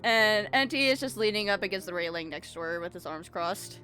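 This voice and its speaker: A young woman running a tabletop game as game master, giggly and lively, with lots of fillers. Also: medium pitch, brisk, faint music behind.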